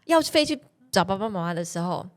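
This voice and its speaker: A woman's voice: mid-range voice, fast talker. Laughing woman telling stories. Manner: animated, laughs often while telling stories. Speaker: podcast guest. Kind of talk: casual storytelling chat.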